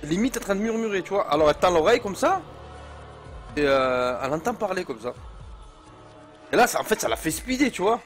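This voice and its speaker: Un jeune homme raconte une histoire qui fait peur, d'un ton familier, en argot, avec beaucoup d'hésitations et de « euh ». Sa voix est un peu aiguë pour un homme, sur une faible musique de fond. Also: male voice, sits high, very animated, fairly quick, pauses often, soft background music. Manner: slangy, hesitant with many fillers. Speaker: storyteller. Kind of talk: casual spoken horror story.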